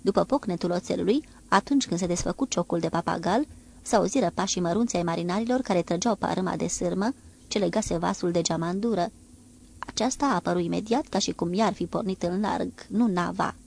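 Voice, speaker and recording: A woman reading an audiobook in a steady, measured way. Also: lowish voice, gravelly, breathy edge. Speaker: audiobook narrator. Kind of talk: audiobook narration of a naval novel.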